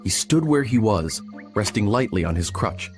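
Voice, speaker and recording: A man narrating an adventure storybook in an expressive reading style. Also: fairly low pitch, normal speed, faint music behind.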